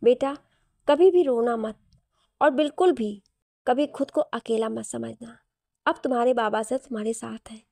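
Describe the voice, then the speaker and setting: A woman voicing an older royal father who gives firm, commanding orders in a Hindi storybook reading, in a fairly high, mellow voice. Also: moderate pace, dry recording, studio quality, lightly acted. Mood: fond.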